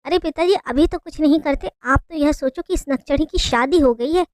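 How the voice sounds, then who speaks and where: A woman's voice: high-pitched, moderate pace, no echo, close to an everyday voice. A woman voicing a domineering elder brother who gives curt, dismissive orders in a storybook tale. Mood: bossy. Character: bossy domineering elder brother, middle-aged man.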